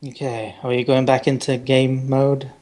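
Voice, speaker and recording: A man's voice: mid-range voice, flat delivery, normal speed, darkish tone. A man playing a tabletop game on a voice call, chatting casually and playfully. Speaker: game player. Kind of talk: casual joking chat. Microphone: online voice call.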